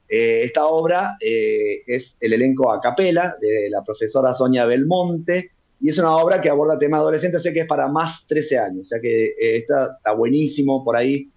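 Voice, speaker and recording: Speaking in Argentine Spanish, this middle-aged puppeteer and cultural manager from Argentina talks eagerly as a TV interview guest while promoting a festival. The audio is dull, and his mid-range voice has a darkish tone.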